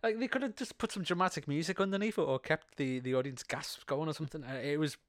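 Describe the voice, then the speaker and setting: Co-hosting a podcast, a man casually rambles about a TV episode, laughing often and swearing now and then. His voice is fairly high and fast, captured in studio quality with no room sound.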